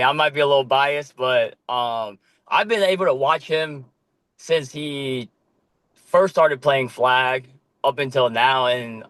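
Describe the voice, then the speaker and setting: A young man born in Korea, a podcast guest talking casually about playing flag football, with a relaxed manner and plenty of ums. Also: medium pitch, no room sound. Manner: relaxed, loose, with many ums and casual swearing. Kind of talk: casual chat.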